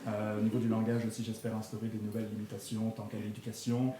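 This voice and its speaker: A man's voice: fairly low pitch, monotone, crowd noise, lightly acted. A man playing a flustered politician. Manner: halting, with fillers. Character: flustered male politician at a press conference. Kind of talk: live improv theater. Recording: echoey room, noise behind.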